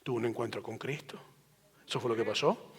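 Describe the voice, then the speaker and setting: A man's voice: medium pitch, fairly quick, slightly rough. A man pastor delivering a sermon, emphatic and rhetorical, building his points through repeated phrases. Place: church sanctuary. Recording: long hall reverb.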